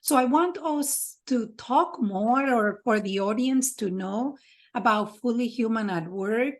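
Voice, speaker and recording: A woman interviewing a guest, speaking in a slow and reflective way with soft fillers, choked up with emotion. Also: a little high. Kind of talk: conversational interview.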